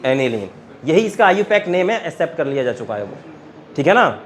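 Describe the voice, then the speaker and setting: Indian male chemistry teacher, high-pitched voice, Hindi accent, keeps quizzing the class. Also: sing-song, brisk, a little hiss or hum. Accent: Hindi-speaking Indian. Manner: keeps quizzing students, calls them beta. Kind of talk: classroom lecture at a board.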